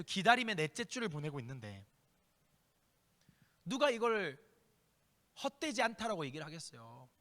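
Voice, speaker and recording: A man's voice: sits high, bright, forceful tone. A man preaching a youth sermon and leading prayer, impassioned and emphatic, repeating key phrases. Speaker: youth group pastor. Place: church worship hall. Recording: long church-hall reverb.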